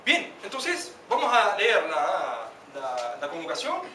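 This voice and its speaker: Bright-voiced male teacher, echoey classroom. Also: high-pitched, huge pitch swings, far from the mic, a little hiss or hum. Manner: asks students questions by name, drills pronunciation slowly. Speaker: Arabic teacher. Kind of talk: classroom lesson.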